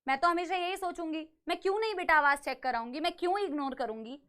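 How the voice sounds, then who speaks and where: Young woman, online biology tutor with a sore throat, very high bright voice, talks to students like a caring elder. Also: fast talker. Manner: calls students beta, mixes English terms into Hindi, asks "theek hai?" often. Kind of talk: live online class lecture.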